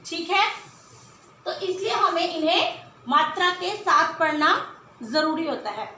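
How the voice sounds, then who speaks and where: A woman teaching a children's Hindi lesson, patiently explaining and stretching syllables slowly when she sounds out words. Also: very high voice, expressive, bright, forceful tone, reverberant, a little hiss or hum. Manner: patient explaining, frequent rhetorical questions.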